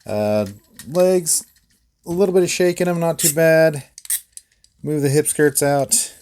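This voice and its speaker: A man's voice: fairly high pitch, a little slow, slight background noise. Easygoing man rambling through a toy review. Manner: relaxed, rambling, many fillers and small laughs. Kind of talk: casual hands-on toy review.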